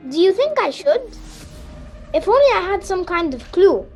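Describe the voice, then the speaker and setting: A very high, bouncy voice for a dim, carefree little boy, played by a woman. The delivery is comic fairy-tale stage acting, with faint music behind. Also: very animated, moderate pace, a little mellow, full character voice.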